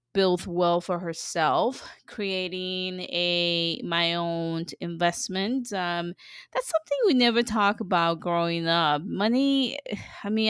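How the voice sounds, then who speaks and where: A woman from El Salvador hosts her own podcast, delivering a casual personal monologue in an earnest, chatty way full of fillers and restarts. Her fairly low, slightly bright voice is smooth, with studio quality and no room sound.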